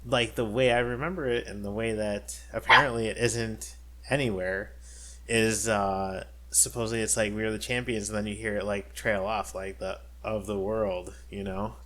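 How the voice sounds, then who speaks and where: Male podcast co-host, lower register, loose rambling delivery with fillers and restarts. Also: fairly even intonation, moderate pace, background noise. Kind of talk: casual chat.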